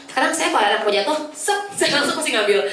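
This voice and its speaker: A young woman who is a children's educator, chatting casually and telling lively stories, laughing often and acting out children's voices. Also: high-pitched, very fast. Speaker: guest speaker, children's educator. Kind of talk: casual talk show chat. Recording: echoey room, distant mic, faint noise.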